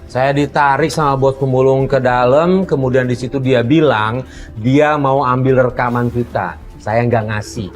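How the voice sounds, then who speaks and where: A man narrating in voice-over what happened, in a quick, plain recounting manner. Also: mid-range voice, fairly even intonation, soft background music. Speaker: host narrating.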